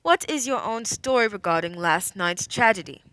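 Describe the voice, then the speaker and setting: Woman acting an animated, formal lady prefect. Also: mid-range voice, normal speed, dry recording, lightly acted, poor audio. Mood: formal, probing. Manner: formal, questioning. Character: formal, authoritative French female prefect of police. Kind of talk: radio play courtroom acting.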